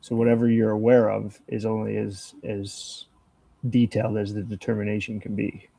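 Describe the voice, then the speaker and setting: Gravelly, dark-voiced older man rambling. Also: lowish voice, little pitch movement, moderate pace, dry recording. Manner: rambling, swears freely, acts out both sides of a story. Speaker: podcast co-host. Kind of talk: casual chat.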